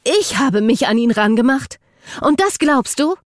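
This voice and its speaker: A woman voicing a furious young woman who feels betrayed, shouting accusations bitterly. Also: mid-range voice, moderate pace, no echo, studio quality, lightly acted.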